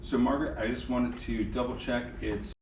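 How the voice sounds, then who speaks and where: A man in his thirties doing an in-home solar sales appointment, chatty and upbeat, rattling off terms quickly. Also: mid-range voice, steady tone, a little mellow. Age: 30s. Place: indoors in a home living room. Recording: echoey room, distant mic, noisy.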